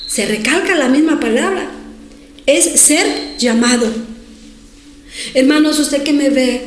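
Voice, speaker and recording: A woman pastor preaching a sermon to her congregation and to viewers at home, emphatic and repetitive, rising to shouts when she voices prayers. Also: high voice, reverberant, a little hiss or hum. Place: church hall, streamed to viewers.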